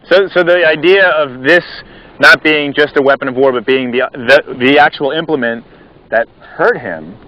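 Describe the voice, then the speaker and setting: A man's voice: on the high side, normal speed. A man presenting a documentary, chatting informally and thinking aloud on location. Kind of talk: casual on-location conversation. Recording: dull location sound with music. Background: music.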